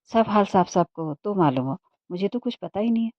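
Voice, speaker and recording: A woman voicing a calm, educated husband in a storybook reading, asking in a measured, worried way. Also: mid-range voice, no room sound, natural voice. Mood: worried, probing. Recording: dull muffled dry recording.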